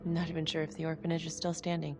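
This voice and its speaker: A blunt, sardonic detective. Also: female voice, deep voice, monotone, fast talker. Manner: blunt and sarcastic. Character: tough, sardonic female detective interrogating. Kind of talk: video game cutscene acting. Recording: game audio with loud background music.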